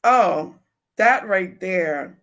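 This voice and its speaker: A woman's voice: lowish voice, expressive, very slow, a bit bright. A middle-aged woman hosting a podcast in casual chat, often repeating short affirmations and thanking viewers by name. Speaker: podcast host.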